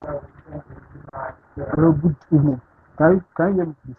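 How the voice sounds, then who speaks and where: A man's voice: on the high side, a little slow. Muffled man, as if through a wall. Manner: hesitant, checking he can be heard. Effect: muffled, as if heard through a wall. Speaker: caller joining a live voice chat. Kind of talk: casual chat. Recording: muffled, phone-like, distant line with faint hiss.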